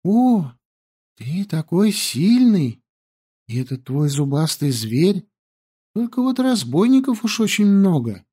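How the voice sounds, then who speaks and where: Guy putting on a chirpy naive young girl, high and sing-songy, chatters nonstop. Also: big pitch swings, slow pace, mellow, husky, exaggerated voice. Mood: chattery. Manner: wide-eyed, flighty and wheedling. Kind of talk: audiobook character voice.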